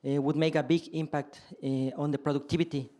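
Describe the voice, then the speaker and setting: A man from Ecuador in the audience, asking a question hesitantly with many pauses and fillers. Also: fairly high pitch, flat delivery, dark tone.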